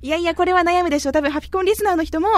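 A woman's voice: very high voice, steady tone, racing, dry recording. A woman with a Kyushu Japanese accent hosting a radio chat show, reading listener messages in a playful, chatty way and slipping into local dialect. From Kumamoto, Japan.

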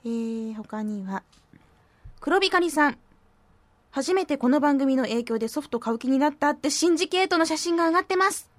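Woman, radio host, playful, self-mocking, lilt, high voice, dry studio. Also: lively intonation, moderate pace, no echo. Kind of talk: casual radio chat reading listener posts.

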